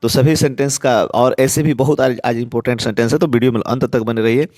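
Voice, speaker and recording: Man, english teacher, slow repeated phrases, mid pitch, dry close sound. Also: fairly even intonation, darkish tone, no room sound. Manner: slow, repeats each sentence for learners. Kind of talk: spoken English lesson.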